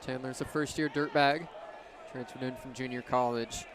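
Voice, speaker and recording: A young adult man calls baseball play-by-play on the radio from an outdoor stadium, using clipped, descriptive phrases. His mid-range voice has fairly even intonation at normal speed, with ballpark crowd and outdoor noise behind him.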